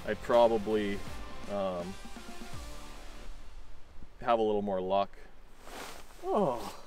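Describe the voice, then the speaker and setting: A man in his thirties giving casual fishing commentary from a small boat on a lake, relaxed and chatty with plenty of fillers and restarts. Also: on the low side, slow pace, faint music behind. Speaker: fishing guide and angler.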